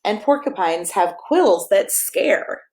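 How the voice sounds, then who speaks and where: This middle-aged American pastor reads to children in a playful, sing-song way and chats with them directly during story time. Her mid-range voice is gravelly and a little mellow, with big pitch swings, and she takes it slowly.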